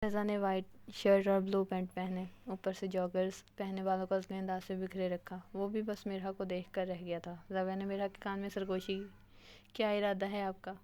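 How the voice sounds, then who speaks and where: A woman narrating an audio novel in a steady, plain reading manner. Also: mid-range voice, normal speed, few pauses.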